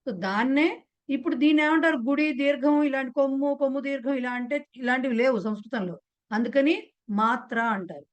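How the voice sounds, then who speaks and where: A woman's voice: sits high, brisk, dull audio. A woman with a Telugu accent teaching a beginners' class, explaining patiently and putting questions to her students. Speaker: Sanskrit teacher. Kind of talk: online class lecture.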